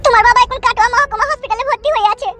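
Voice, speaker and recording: A woman's voice: very high-pitched, very fast, over loud music, voice pushed up. A woman voicing a nagging older mother in a comedy cartoon. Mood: fretful. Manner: nagging, scolding. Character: scolding older village mother.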